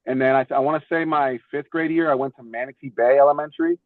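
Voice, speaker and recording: This podcast guest, a young ex-baseball player from Florida in the United States, is a fast talker with a medium-pitched, steady voice. He chats and tells stories informally, repeating words often. The call-style audio is tinny, with no room sound.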